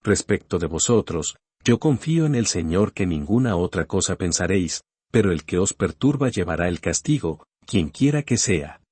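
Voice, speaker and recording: A man reading scripture from a script as a Bible narrator, in a solemn, booming biblical narration manner with a husky voice. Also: very animated, normal speed, hardly any pauses, darkish tone, dry recording.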